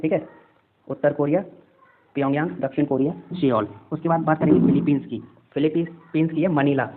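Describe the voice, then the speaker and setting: Quick chatty male teacher, tinny audio. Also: on the high side. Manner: repeats answers as quiz questions, chatty. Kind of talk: exam-prep lesson with memory tricks.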